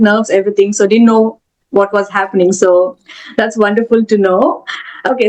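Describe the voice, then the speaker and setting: A woman's voice: medium pitch, rough recording. A woman hosting a podcast interview, upbeat and encouraging toward her guests. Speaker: podcast host.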